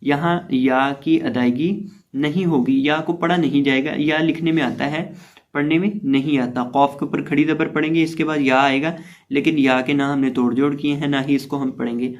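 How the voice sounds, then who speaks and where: Man slowly spelling and reciting letters. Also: fairly high pitch, fairly even intonation, highs cut off. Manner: spells out letters slowly, then repeats words in drawn-out recitation. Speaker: Quran reading teacher. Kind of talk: step-by-step recitation lesson.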